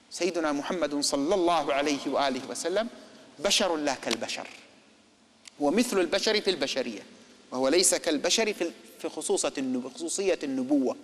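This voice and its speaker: A man's voice: on the high side, in a large hall. A man preaching a religious lecture, posing rhetorical questions and acting out imagined dialogues.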